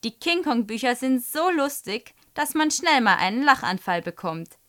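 A woman reading a children's story aloud and recommending the book to young readers. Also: high-pitched. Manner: slow, lively storybook reading.

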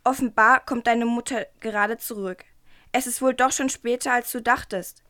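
Woman, earnest book presenter reading a storybook aloud, slightly high voice, careful delivery with the odd stumble. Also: steady tone, normal speed, bright, forceful tone, dry recording.

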